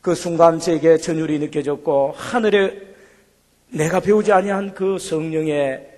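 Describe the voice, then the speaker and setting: A man's voice: a little high, unhurried, dark tone. A male pastor giving an emotional testimony sermon in a church sanctuary. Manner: emotional storytelling. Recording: long church hall reverb, faint music.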